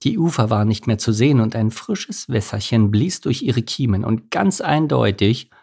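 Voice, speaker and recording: A man reads a children's story aloud in a gentle, steady manner. His voice is gravelly and somewhat husky, at a middle pitch. The pace stays even as he narrates. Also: moderate pace.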